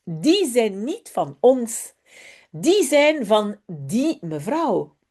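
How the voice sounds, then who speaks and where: A hoarse woman voicing the little girl Janneke as she reads a storybook aloud. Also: a little high, big pitch swings, drawn-out words, a little mellow, exaggerated voice. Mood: sensible.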